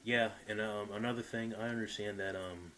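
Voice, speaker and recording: A man's voice: fairly low pitch, fairly even intonation, normal speed, noisy background. A man streaming, commenting casually and hesitantly with many fillers.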